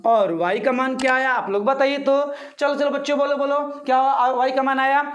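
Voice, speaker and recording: A man's voice: very high voice, steady tone, lo-fi sound. A man teaching a math lesson online, reassuring his pupils and keeping them engaged with repeated questions. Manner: repeats steps slowly for pupils to say along.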